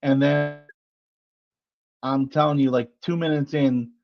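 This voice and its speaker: A man's voice: fairly high pitch, flat delivery, a little slow, dull audio, over music. A man co-hosting a podcast, chatting casually and teasing his partner as he argues his view. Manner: teasing, argumentative. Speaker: podcast co-host. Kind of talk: casual chat.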